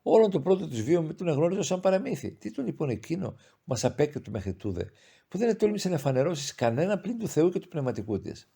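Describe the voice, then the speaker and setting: Male audiobook narrator, mellow and dark-toned, measured expressive storytelling. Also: a little high, vocal fry, slightly rough. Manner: measured, expressive reading of formal old-style prose. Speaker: audiobook reader. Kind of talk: scripted literary narration.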